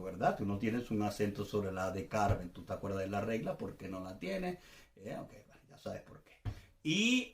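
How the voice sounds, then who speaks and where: A man teaching an informal language lesson, talking loosely and filling gaps with hesitations. He acts out examples with exaggerated intonation. His voice carries a noticeable room echo at a middling pitch. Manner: chatty, many fillers and restarts, exaggerated examples. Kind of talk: casual online language class.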